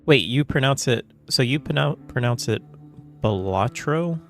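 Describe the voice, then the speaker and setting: A man talking to his stream chat as he plays, slow and unhurried, rambling and often confused. He chuckles and clears his throat as he goes, with faint music playing behind him. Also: medium pitch, lively intonation. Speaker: livestream gamer. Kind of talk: casual livestream chat. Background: soft background music.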